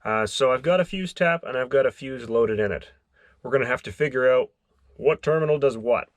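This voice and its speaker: Speaking fairly quickly in a mid-range voice, with no room sound at all, this host of a DIY car electronics video explains his hands-on project one step after another, musing out loud as he goes.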